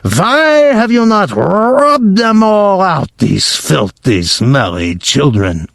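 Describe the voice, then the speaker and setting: A man reading aloud and voicing a tyrannical female witch leader who screams slowly in stiff, clipped phrasing. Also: high voice, big pitch swings, gravelly, a bit bright, no echo, clean studio sound, pitched above the performer's own voice, heavily acted. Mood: ranting. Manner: slow, screaming, clipped foreign-sounding syntax.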